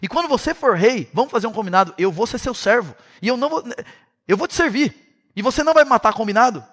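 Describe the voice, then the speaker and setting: A man's voice: very high-pitched, lively intonation, quick pace, a bit bright, voice pushed up, heavily acted. A man voicing an earnest young prince who urgently pleads with a friend for a pact. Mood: pleading.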